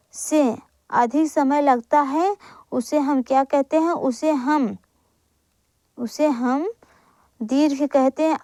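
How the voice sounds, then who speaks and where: A woman's voice: sits high, darkish tone, no room sound. A woman teaching an exam-prep grammar lesson, repeating each point and asking then answering her own questions. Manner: corrects herself aloud with quick apologies.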